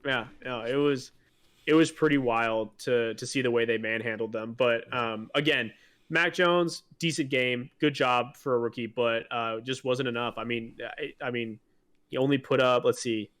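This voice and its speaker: A man's voice: mid-range voice, steady tone, moderate pace, fairly bright tone. A man co-hosting a casual sports podcast, rambling with many fillers and restarts, enthusiastic as a fan. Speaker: podcast co-host.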